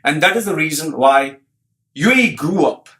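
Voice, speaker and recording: A man's voice: a little high, expressive, normal speed, pushed and bright. A man giving a blunt, profane commentary, repeating phrases for emphasis and reading out an article.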